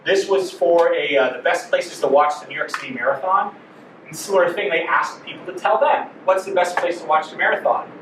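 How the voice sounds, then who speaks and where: A man's voice: a little high, brisk, fairly bright tone, slight background noise. A man giving a conference workshop talk, loose and chatty, full of fillers and asides. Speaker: workshop presenter. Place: conference room. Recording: roomy hall audio from a distance.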